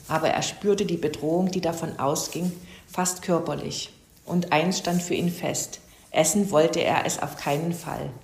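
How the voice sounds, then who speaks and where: Woman storyteller, lower voice, roomy echo, calm children's story read.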